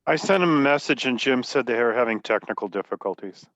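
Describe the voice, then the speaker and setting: A man's voice: medium pitch, lively intonation, fast talker, a bit bright, no echo, highs cut off. A man giving a casual spoken update as a club member on an online call.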